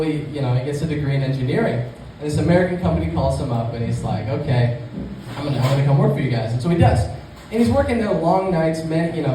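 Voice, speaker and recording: A man's voice: on the high side, warm tone. A young man doing amateur stand-up comedy in front of an audience, with a hesitant, rambling delivery. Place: echoey room in front of a small live audience. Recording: echoey room from far off, clear background noise.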